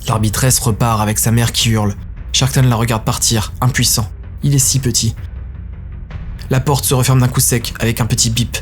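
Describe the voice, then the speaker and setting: A man narrating a dark science-fiction audio story in a grave, intense manner. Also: mid-range voice.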